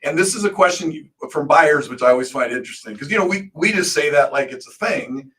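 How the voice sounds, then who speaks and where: Animated and quick, with a fairly high pitch and a sharp tone, a middle-aged American co-host explains things casually on a radio talk show. He poses questions, answers them himself and uses hypothetical examples, all captured on a distant mic.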